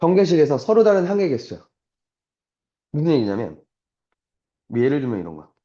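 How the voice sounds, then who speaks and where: A man's voice: fairly high pitch, sing-song, fairly quick, mellow. Blunt, swearing male math tutor. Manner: blunt, swears casually, constantly checks understanding. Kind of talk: casual classroom lecture. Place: classroom. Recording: roomy, dull lo-fi classroom recording.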